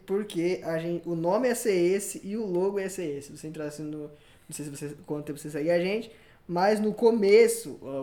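A young man with a Brazilian accent hosting a podcast, telling stories in a casual, slangy way and acting out what people said. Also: fairly high pitch. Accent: Brazilian Portuguese. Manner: animated storyteller, slangy, acts out quotes. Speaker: podcast host. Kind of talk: casual chat. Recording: echoey room.

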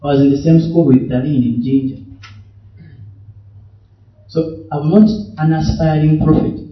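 A man's voice: on the high side, fairly even intonation, unhurried, highs cut off. A young man preaching at a retreat Q&A, exhorting the audience directly and laughing often. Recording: echoey hall, mic far off.

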